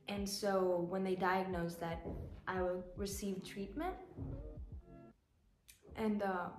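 A young woman who is not a native English speaker talks informally to camera from her bedroom, sick and congested. Her voice is mid-pitched and a little shaky from a blocked nose. The room is echoey and the chat is candid and casual. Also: darkish tone. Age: young adult. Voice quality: congested, stuffy-nosed. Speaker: vlogger. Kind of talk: casual personal vlog chat. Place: small bare bedroom, indoors, sitting on a bed.

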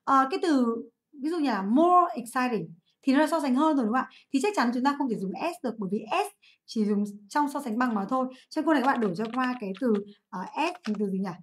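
A woman's voice: high voice, animated. A woman English teacher from Vietnam, giving a livestream exam review, asking her students questions and answering them herself. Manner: drills English words by repeating them slowly.

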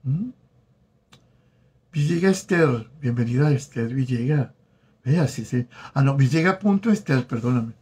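Brief: man, 40s, husky mid-pitched voice, affectionate live-stream host reading out names. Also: lively intonation. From Venezuela. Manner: warm, flirtatious, reads viewer names aloud haltingly. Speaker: host of a live stream chat, former telenovela actor. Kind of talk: casual live-stream chat reading comments. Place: home in South Florida.

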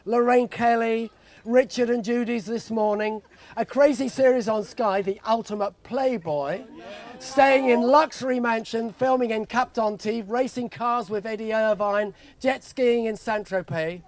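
A man in his sixties delivers a father of the bride speech at a wedding. His voice sits unusually high for a man. He tells jokey stories, reading from notes into a handheld mic. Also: steady tone, a little slow. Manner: jokey storytelling. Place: outdoor garden wedding reception. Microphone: handheld microphone held close.

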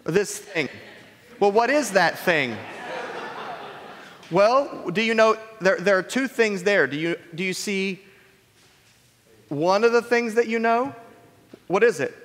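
Playful and full of questions for the children, a man delivers a children's message in an echoey church sanctuary. He speaks slowly with frequent pauses, and his slightly high, fairly bright voice is animated.

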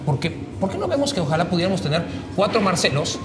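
A Mexican man in his forties chats casually at a table in a small indoor room, his high voice moving at a quick pace with music playing behind him. He talks bluntly and profanely, leans on heavy slang, and gestures a lot. A lapel mic picks him up, and the recording sounds roomy with steady background noise.

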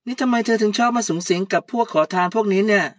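A haughty young woman who bosses everyone around, as a woman puts her on. She talks loudly and high with a scolding bite. The one-voice audio drama is recorded close and dry. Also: a little fast, no room sound, close to an everyday voice. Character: arrogant young woman, a newly promoted boss.

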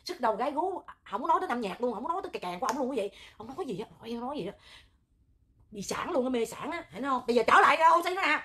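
A woman with a Southern Vietnamese accent hosting a livestream, talking loud, hot-tempered and animated, rambling with joking asides. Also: sits high, racing, slight background noise. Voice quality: loud, piercing voice. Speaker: livestream host, charity oxygen volunteer. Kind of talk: livestream talk to viewers.

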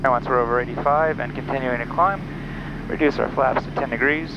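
Engine noise drones loud and steady beneath a bush pilot in his thirties as he speaks via headset in a small plane's cockpit. For his cockpit vlog and radio calls he calmly, methodically reads each checklist item aloud in order. His mid-range voice is a little fast and slightly muffled.

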